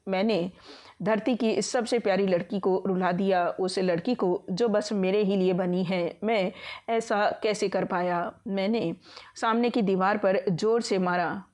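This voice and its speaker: A woman narrating a romance novel as an audiobook. Her storytelling is steady and emotive. Her pitch sits in an ordinary middle range. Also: measured pace.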